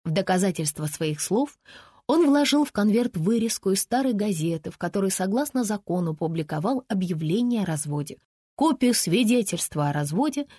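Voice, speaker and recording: A woman narrating an audiobook in an even, measured reading voice. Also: mid-range voice, husky, no echo, studio quality. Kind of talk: scripted narration.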